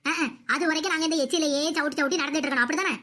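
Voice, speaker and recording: A woman's voice: high-pitched, fairly even intonation, rapid-fire. A woman voicing a bossy, scolding mother-in-law in a cartoon comedy. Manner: nagging, scolding, sharp-tongued.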